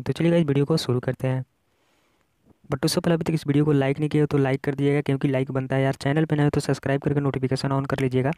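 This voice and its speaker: A man's voice: medium pitch, warm tone, no echo. A man with an Indian accent hosting a casual app tutorial, explaining things step by step in a repetitive way. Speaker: tech tutorial host.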